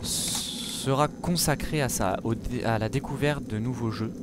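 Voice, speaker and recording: A young man in his late teens from France talks casually about his gaming channel. He hesitates often and corrects himself. His voice sits at an ordinary middle pitch, and loud gunfire from the game nearly buries it. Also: a little slow, very noisy. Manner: hesitant, many fillers and self-corrections. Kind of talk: casual gaming vlog talk. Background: zombie shooter game sounds.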